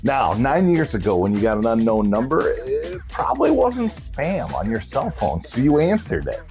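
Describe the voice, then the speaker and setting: A man's voice: mid-range voice, huge pitch swings, normal speed, darkish tone, soft background music. A man hosting bingo in a casual, folksy, upbeat and chatty way, calling numbers between stretches of talk. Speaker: bingo host. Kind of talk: casual bingo caller and host chat.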